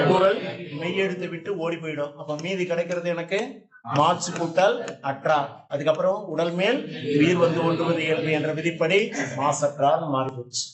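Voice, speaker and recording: A man's voice: fairly high pitch, reverberant. A man teaching a grammar lesson in a classroom, explaining step by step and putting questions to his students.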